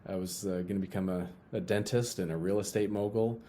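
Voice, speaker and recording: Low, mellow-voiced young man from Utah. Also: steady tone, a little fast, slight background noise. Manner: repeats and restarts phrases. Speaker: guest. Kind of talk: casual interview talk.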